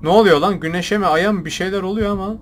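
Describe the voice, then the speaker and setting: A young man commentating his own gameplay, joking and shouting at the game characters. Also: high voice, fast talker, slight background noise. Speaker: gaming YouTuber. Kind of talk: let's play commentary.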